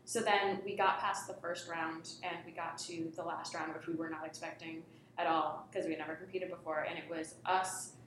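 A woman's voice: fairly low pitch, fairly even intonation, normal speed, a bit bright, a little hiss or hum. A young woman, a college improv performer, talking casually with lots of fillers. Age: young adult. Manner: chatty, many fillers. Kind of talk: casual chat. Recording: echoey room.

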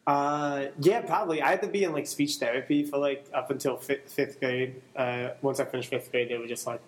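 A man's voice: medium pitch, fairly even intonation, a little fast, poor audio. Rambling man from Long Island. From Long Island, New York. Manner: rambling, self-correcting, many fillers. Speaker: guest. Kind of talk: casual podcast chat.

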